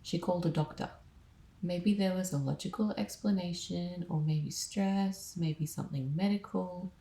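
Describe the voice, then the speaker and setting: A woman with a low, mellow voice delivers scripted true-crime narration, dramatic in tone and broken up by casual asides to the listener. Her voice carries a roomy echo. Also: normal speed. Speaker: podcast host.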